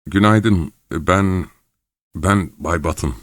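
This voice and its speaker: A man's voice: sits low, takes it slowly, a bit bright, dry recording, studio quality. A man voicing a shaken middle-aged father who stammers and strains, near breaking. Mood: nervous.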